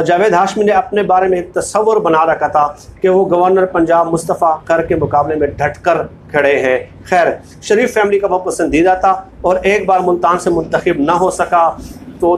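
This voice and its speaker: Reading from books as part of informal political commentary, a Pakistani-accented host speaks with emphasis and repeats phrases to drive points home. His voice is high, and the audio is poor with slight background noise.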